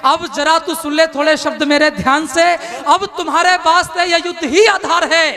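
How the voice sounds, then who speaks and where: A man's voice: very high-pitched, fairly even intonation, moderate pace, sharp tone. A man reciting devotional verse on stage in a declamatory manner, repeating couplets for emphasis. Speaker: poet on stage. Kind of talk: Hindi devotional poetry recital at a poets' gathering. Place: poets' gathering before an audience. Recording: live stage microphone, faint crowd behind.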